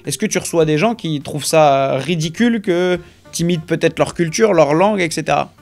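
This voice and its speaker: A man hosting a casual interview who asks relaxed questions and eggs his guest on with short agreements. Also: on the high side, moderate pace, vocal fry, soft background music. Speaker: interview host.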